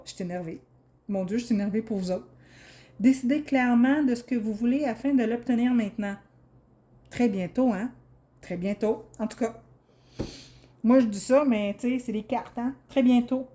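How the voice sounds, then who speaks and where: A woman's voice: fairly high pitch, dark tone. Chatty Québécois tarot reader woman. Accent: Québécois French. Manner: chatty and enthusiastic, many fillers and restarts. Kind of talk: casual tarot reading for viewers.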